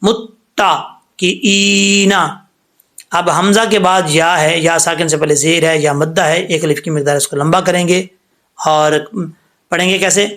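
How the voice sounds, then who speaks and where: A man. He explains each rule step by step in a patient, steady way. Then he draws each word out slowly for students to copy. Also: on the high side. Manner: explains rules patiently, then slowly recites words aloud. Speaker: Quran tajweed teacher. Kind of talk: word-by-word recitation lesson.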